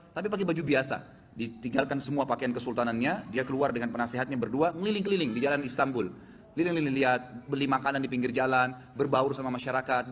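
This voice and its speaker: A man preaching a sermon, telling a story in a lively way and acting out the dialogue of its characters. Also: in a large hall, a little hiss or hum. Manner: animated storytelling, acting out dialogue with rising pitch.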